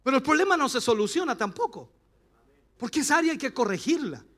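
Male Chilean pastor, sermon delivery, high and bright, rousing with joking asides. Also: big pitch swings, fast. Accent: Chilean Spanish. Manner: rousing, rhetorical questions, playful asides. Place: church service.

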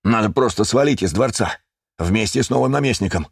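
A man voicing a sly, hurried mercenary. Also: on the low side, animated, vocal fry, husky, dry recording, clean studio sound, pitched above the performer's own voice, full character voice. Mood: scheming. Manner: wheedling, hurried.

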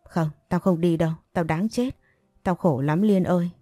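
A woman's voice: fairly low pitch, moderate pace, warm tone, no echo, soft background music, close to an everyday voice. Woman voicing a tearful, frightened village girl. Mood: pleading. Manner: tearful, pleading.

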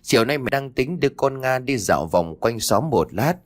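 A man's voice: mid-range voice, animated, moderate pace, voice pushed up, close to an everyday voice. A man voicing a scheming old village woman, bossy and sweet-talking. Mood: coaxing.

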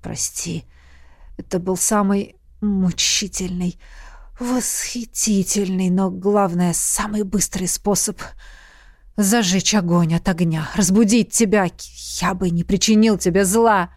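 A woman reading an audiobook, voicing a commanding, teasing middle-aged king in a lowered, hushed voice that turns to barked orders. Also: steady tone, a little slow, no echo, studio quality, natural voice. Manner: low, hushed and teasing, then barking orders.

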